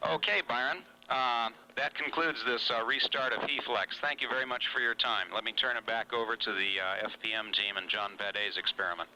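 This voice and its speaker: A man working as a ground controller over radio, giving step-by-step procedural instructions in a businesslike, encouraging, halting way. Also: medium pitch, fairly even intonation, low-quality recording. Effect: space-to-ground radio. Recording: hissy, sharp mission radio link.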